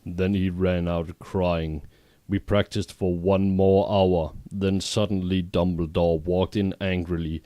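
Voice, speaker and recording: Deep-voiced deadpan fanfiction reader. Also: male voice, slow pace, no echo, clean studio sound. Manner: deadpan, reads errors as written. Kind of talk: reading fanfiction aloud.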